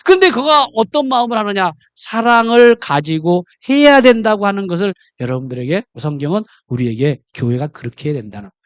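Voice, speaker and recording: A man preaching a sermon with a lively, swinging pitch. He keeps firing questions at the congregation. His voice sounds close and dry, with no room echo. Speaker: pastor.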